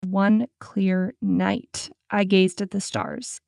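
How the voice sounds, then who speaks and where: Woman as a young storybook dreamer, slow and clear, slightly gravelly, dry close sound. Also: medium pitch, flat delivery, a little mellow, no echo. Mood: calm. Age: 20s. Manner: slow, clear, each sentence said twice. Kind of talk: scripted story for repeat-after practice.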